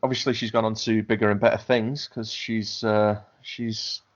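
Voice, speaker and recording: Low-voiced man, rambling. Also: little pitch movement, normal speed, muffled recording. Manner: rambling, many fillers and restarts. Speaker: podcast co-host. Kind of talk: casual film chat.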